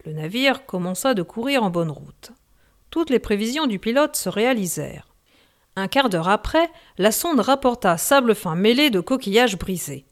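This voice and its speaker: A woman narrating a novel in a measured, expressive reading. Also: medium pitch. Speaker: audiobook narrator.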